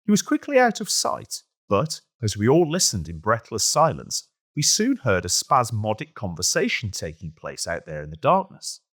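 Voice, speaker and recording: A man hosting a history podcast, reading a long first-hand account aloud in an expressive storytelling manner. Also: on the low side, moderate pace, few pauses. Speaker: podcast host.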